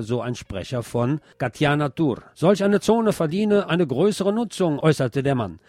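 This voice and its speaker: A man with a mid-range, slightly mellow voice presents scripted radio news commentary over a music bed. He comes across as opinionated and adds wry asides.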